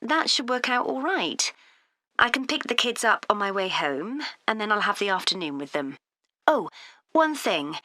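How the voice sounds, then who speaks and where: A woman's voice: mid-range voice, sing-song, moderate pace, sharp tone, no echo. A woman in her thirties playing a practical, upbeat mother looking for receptionist work in a scripted exam dialogue, asking friendly questions. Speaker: job seeker.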